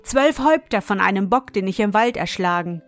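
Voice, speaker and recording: A woman's voice: medium pitch, lively intonation, fairly quick, soft background music, lightly acted. A woman voicing a bold young boy, curt and determined. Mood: evasive.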